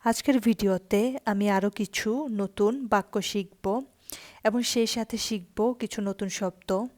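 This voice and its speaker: A woman teaching a language lesson, explaining each word and then saying the example phrases very slowly and clearly. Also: medium pitch, darkish tone, dry recording, studio quality. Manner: spells out foreign words slowly, then repeats them.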